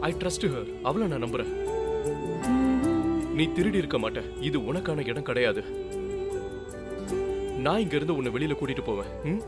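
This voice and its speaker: A kind middle-aged father speaks in a calm, reassuring way, voiced by an actor. His voice sits at an ordinary pitch. Loud dramatic music runs underneath him. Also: lightly acted. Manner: gentle, reassuring. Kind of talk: dubbed television serial acting.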